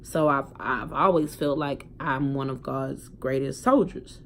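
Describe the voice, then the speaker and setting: A young woman speaks frankly into her phone. She talks in a candid, emphatic way and swears freely, swinging between loud outbursts and quiet thoughts. A faint hiss sits under her voice. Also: very deep voice, fairly even intonation, a little slow. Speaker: vlogger. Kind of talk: casual personal storytelling to a phone camera.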